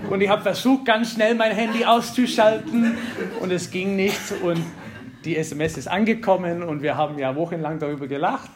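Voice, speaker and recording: High-voiced man preaching casually. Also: moderate pace, crowd noise. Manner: conversational, jokes with the congregation. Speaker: pastor. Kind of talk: sermon.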